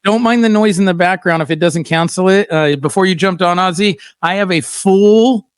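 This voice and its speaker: A man's voice: sits high, moderate pace, smooth, no room sound, clean studio sound. A middle-aged man hosting a casual livestream chat, telling stories bluntly and animatedly with lots of fillers. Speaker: podcast host.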